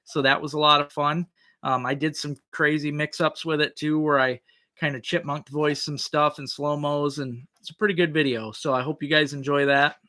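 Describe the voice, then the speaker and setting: A man's voice: a little high, flat delivery, normal speed, pushed and bright. A man hosting a livestream, chatting casually with viewers in a folksy, rambling way. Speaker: livestream host.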